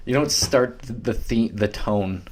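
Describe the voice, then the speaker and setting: A man's voice: fairly low pitch, takes it slowly, slight background noise. A young man, hosting a solo podcast in a loose, rambling, profane way. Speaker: podcast host.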